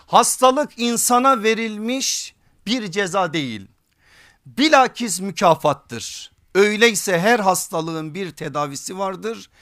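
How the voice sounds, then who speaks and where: A man's voice: sits high, expressive, takes it slowly, fairly bright tone. A man preaching a sermon from a pulpit microphone, emphatic, repeating his points and checking with rhetorical questions.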